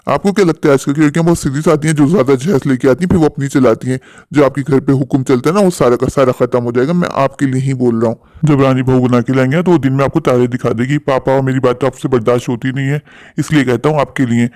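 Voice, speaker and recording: A man's voice: mid-range voice, steady tone, fast talker, darkish tone, no echo, lightly acted. A man voicing an earnest, principled young son in a cartoon story, persuading his parents. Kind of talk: cartoon voice acting.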